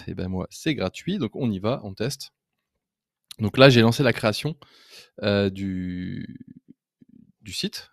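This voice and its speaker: A man giving a casual, enthusiastic screen-recorded software demo as a web design trainer, chatty and full of hesitant fillers. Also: fairly low pitch, dry recording, studio quality.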